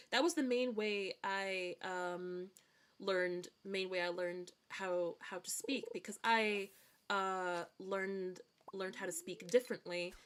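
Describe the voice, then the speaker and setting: Streaming a game, this Scottish woman talks in a mid-range voice with an accent that mixes American and British Scottish. Her chatter is casual, rambling and hesitant, frequently circling back over the same phrases.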